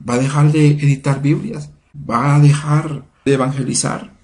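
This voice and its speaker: A man's voice: fairly high pitch, steady tone, darkish tone. Earnest man teaching a Bible lesson. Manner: earnest, measured teaching with repeated phrases. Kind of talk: sermon-style Bible lesson.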